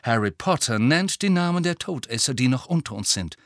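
A man's voice: mid-range voice, very animated, takes it slowly, fairly bright tone, no room sound, studio quality. A man voicing a pushy, scheming middle-aged woman reporter, gushing and prying in a storybook reading. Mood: gloating. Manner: gushing, prying, dramatic emphasis.

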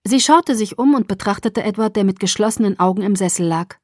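A woman narrating a novel in the first person, calm and measured. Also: mid-range voice, dry recording, studio quality. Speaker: audiobook narrator.

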